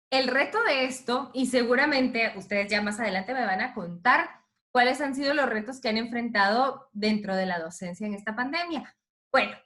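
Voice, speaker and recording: A Guatemalan woman in her thirties addresses a group of teachers with the lively, expressive style of a radio announcer. Her slightly high voice rings bright, and she tells her story with animated emphasis that keeps shifting.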